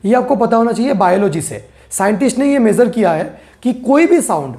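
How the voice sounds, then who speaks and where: A male teacher with a rather high, soft and mellow voice gives a physics lesson. He patiently repeats key phrases word by word, as if for dictation, and slips English terms into his explanations. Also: expressive, a little fast. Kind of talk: classroom lesson.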